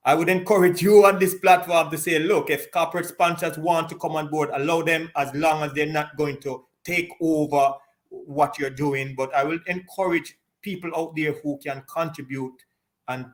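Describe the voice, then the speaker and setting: Encouraging host, measured speech. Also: male voice, fairly high pitch, fairly even intonation. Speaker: talk show host. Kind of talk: live online interview.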